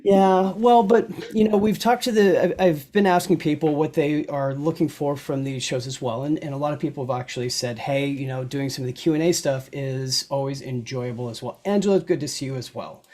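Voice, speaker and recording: A man's voice: fairly high pitch, darkish tone. A man co-hosting a live online Q&A, chatty and joking, laughing often between his remarks. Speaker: co-host. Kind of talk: casual live Q&A chat.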